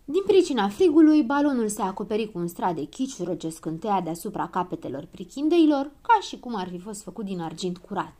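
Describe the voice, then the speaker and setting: A woman narrating a children's story in a lively, expressive reading. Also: medium pitch, few pauses.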